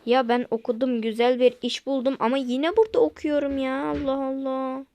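Woman, comedy sketch, tired worker, dramatic whiny complaints, higher pitch. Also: steady tone, brisk, a little mellow. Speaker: vlogger acting out an office skit.

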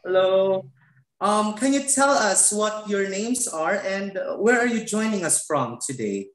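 Slow-talking woman co-host, roomy sound. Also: medium pitch, animated. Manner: slow, friendly, halting with ums. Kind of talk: interviewing guests on a video call. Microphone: video call.

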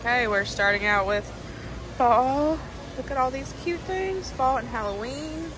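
Her high, expressive voice comes through unhurried over music on a rough recording. This Southern-accented woman is a shopping vlogger, casually gushing about items and their prices.

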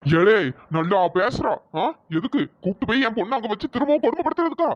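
A man voicing an angry older father in a cartoon, gruff and scolding as he threatens his son-in-law. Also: very high voice, expressive, rapid-fire. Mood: furious. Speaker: father of the wife. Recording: dull, dry lo-fi audio.

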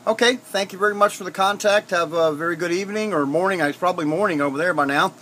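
A man with a slightly high voice makes a casual ham radio contact. He pauses and repeats phrases for clarity, with faint noise around him in an indoor radio room. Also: pushed and bright. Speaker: amateur radio operator. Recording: faint room noise, amateur camera audio.

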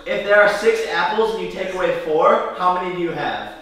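A man's voice: sits high, fairly quick, fairly bright tone. A young man hosting a casual challenge video, quizzing and teasing playfully, recorded in an echoey room from a distance with music behind. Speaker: host.

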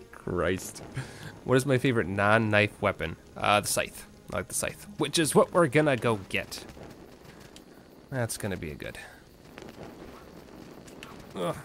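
A man's voice: mid-range voice, a bit bright. A man streaming a game live, chatting with viewers between wry reactions to the gameplay. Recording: game music playing behind the voice. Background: game music.

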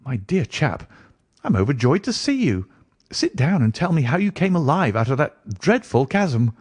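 A man voicing an astonished, loyal gentleman in an audiobook, earnest and exclamatory. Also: medium pitch, sing-song, normal speed, breathy edge, no echo, studio quality. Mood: overjoyed. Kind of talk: audiobook character dialogue.

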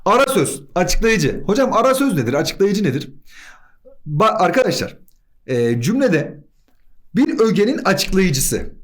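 A male teacher with a high, bouncing voice runs a grammar lesson. He asks a question and answers it himself in quick steps, then slips in joking asides between points. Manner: playful asides. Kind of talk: exam-prep grammar lesson.

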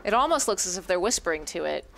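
Woman streamer reading a game out loud, crude jokes, lowish bright voice. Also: quick pace, gravelly, soft background music. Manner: animated, crude joking. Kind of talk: reading a game aloud with commentary.

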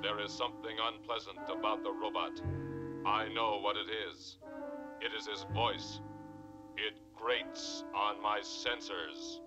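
An actor playing a calm, literal-minded male robot in a mechanical robot voice, speaking in formal, precise phrases. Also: fairly low pitch, measured pace, poor audio. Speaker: robot companion. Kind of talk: 1960s TV series acting. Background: background score music.

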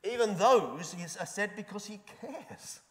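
A man's voice: high-pitched, lively intonation, a little slow, a bit bright. A man preaching a sermon into a fixed microphone, talking conversationally with rhetorical questions and repetition. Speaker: pastor. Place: church. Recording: reverberant church hall.

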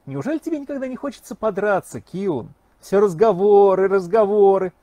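A man voicing a haughty, contemptuous noble knight who speaks loudly and scornfully. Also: high voice, expressive, normal speed, no echo, pitched above the performer's own voice. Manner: loud, scornful, cutting.

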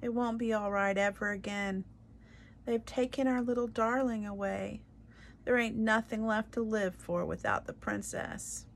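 A woman reading a storybook aloud, voicing a fierce castle cook who is loud and distraught with grief. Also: mid-range voice, animated, a little slow, a little hiss or hum. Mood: grieving.

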